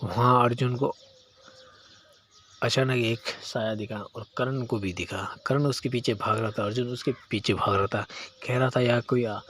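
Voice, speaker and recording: A man narrating a horror story in a plain, halting storytelling manner with frequent restarts. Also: mid-range voice, fairly even intonation, a bit bright, a little hiss or hum.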